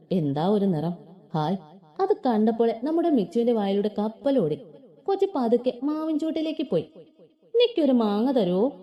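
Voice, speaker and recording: Lively woman telling a playful story. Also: mid-range voice, lo-fi sound. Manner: lively, playful colloquial narration. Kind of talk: expressive story reading with voiced characters.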